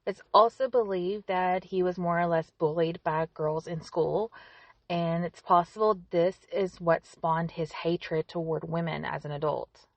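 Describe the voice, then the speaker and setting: A woman's voice: lowish voice, fairly even intonation, a little slow, no echo. A woman hosting a true-crime podcast, narrating a scripted story with conversational asides to the listener.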